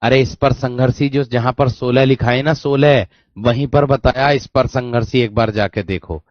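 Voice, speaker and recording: A man teaching a Hindi grammar class online, repeating key phrases, slowing down to dictate and often checking whether students understood. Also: medium pitch, steady tone, no echo. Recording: dry, dull lo-fi sound.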